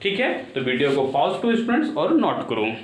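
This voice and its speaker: A man's voice: fairly high pitch, huge pitch swings, fairly quick. A male maths teacher giving a video lesson, constantly addressing the students and asking if they understand. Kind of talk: classroom-style video lesson. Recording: echoey room, distant mic, faint noise.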